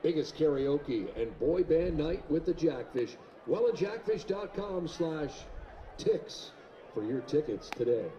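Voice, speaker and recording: Man, ballpark announcer, over the PA system, measured formal delivery, echoing loudspeaker outdoors, slightly raised pitch. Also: animated, lo-fi sound, a faint crowd, a little hiss or hum. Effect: heard over a stadium PA system. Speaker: stadium public address announcer.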